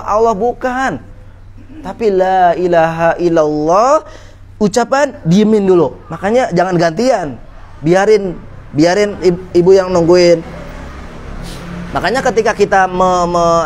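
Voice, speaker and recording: A man's voice: fairly high pitch, slight background noise. A man preaching an Islamic study lecture to women, in a conversational way, often putting questions to his listeners. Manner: conversational, asks the audience questions.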